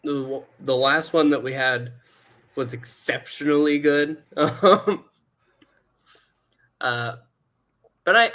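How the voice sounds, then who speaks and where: A man's voice: mid-range voice, a bit bright. A man hosting a casual panel chat, reading out news and laughing easily. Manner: upbeat, laughs often. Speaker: podcast host reading the news.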